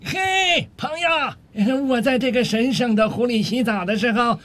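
A man's voice: extremely high pitch, unhurried, voice pushed up. A man voicing a friendly male traveler calling out across a lake. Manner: calling out loudly.

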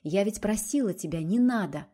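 A woman's voice: medium pitch, expressive, normal speed, warm tone, slightly rough. A woman reading a hurt, defiant young woman. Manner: pleading and strained.

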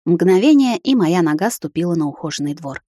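Low, soft-voiced woman narrating. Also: expressive, brisk, dry recording, studio quality. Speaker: audiobook reader. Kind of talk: scripted first-person narration.

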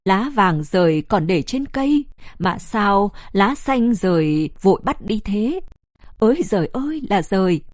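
A woman's voice: medium pitch, big pitch swings, measured pace, no echo, clean studio sound. A woman voicing a grieving elderly village mother, lamenting in a broken, wailing way.

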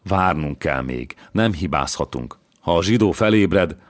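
Man reading as a hushed young Venetian lover. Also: deep voice, expressive, no room sound, clean studio sound. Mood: hushed urgent. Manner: hushed, urgent pleading.

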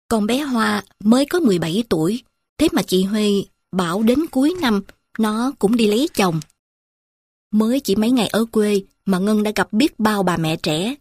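Woman storyteller, calm measured reading, middle pitch, dry close recording. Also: no echo. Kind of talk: scripted story narration.

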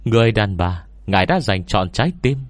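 A man's voice: fairly low pitch, lively intonation, fairly quick, dry recording, lightly acted. A man doing a woman's voice for a grave mother in an audiobook story. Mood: questioning. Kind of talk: audiobook character dialogue.

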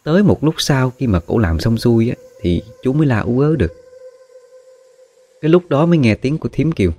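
A man narrating a horror story in a relaxed, conversational way with spoken fillers. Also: medium pitch, brisk. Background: faint guitar music.

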